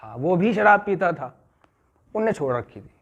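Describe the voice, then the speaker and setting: Man, recovery class leader, fairly high voice, storytelling lecture, muffled lo-fi sound. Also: big pitch swings, normal speed. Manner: checks in with listeners, repeats key phrases. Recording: muffled lo-fi recording.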